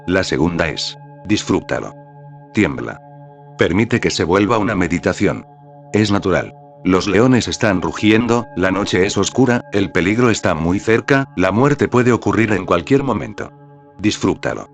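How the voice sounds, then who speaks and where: Man, very low voice, calm measured spiritual narration, soft music underneath. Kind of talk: scripted narration of a spiritual talk. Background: faint background music.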